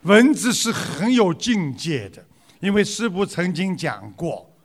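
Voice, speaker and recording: A man telling a string of jokes to an audience in an unhurried, animated way. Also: high-pitched. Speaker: joke teller.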